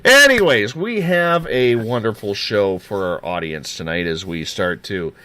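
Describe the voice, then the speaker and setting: A man hosting a late-night paranormal call-in show. He talks in a rambling, chatty way, and his pitch swings up and down as he moves from one thought to the next. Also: animated, measured pace, sharp tone. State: just over a throat and chest cold. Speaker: host. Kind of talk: radio talk show hosting.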